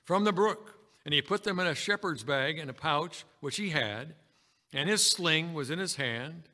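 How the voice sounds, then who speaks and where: A man delivers a sermon, reading scripture aloud and calling his listeners brethren. His voice is fairly high and bright, with a forceful edge. Long reverb from a big hall hangs behind every phrase. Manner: reads scripture aloud, addresses congregation as brethren. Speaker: preacher.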